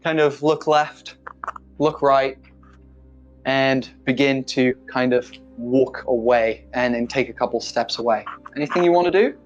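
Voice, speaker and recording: A man's voice: mid-range voice, measured pace, highs cut off, faint music behind. Casual male game master. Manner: casual, descriptive, with fillers. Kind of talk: narrating a tabletop game.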